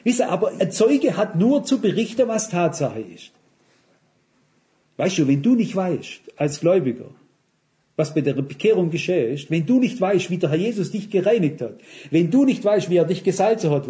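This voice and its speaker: A man's voice: sits high, normal speed. A man preaching a sermon, telling personal stories and speaking straight to his listeners. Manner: animated storytelling, addressing listeners directly.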